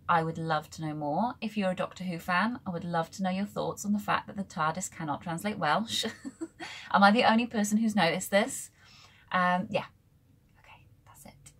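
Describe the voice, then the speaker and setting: A woman's voice: on the low side, a little hiss or hum. A young woman in casual book haul chat at home, rambling into asides and filling gaps with ums. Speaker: book vlogger. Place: room full of books at home.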